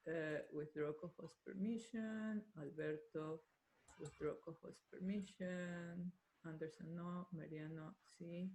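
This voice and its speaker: A woman's voice: on the low side, steady tone, takes it slowly, warm tone, slight background noise. Woman moderating an online meeting. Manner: organizing, switches between two languages. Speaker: meeting host and panel moderator. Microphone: computer mic on a video call.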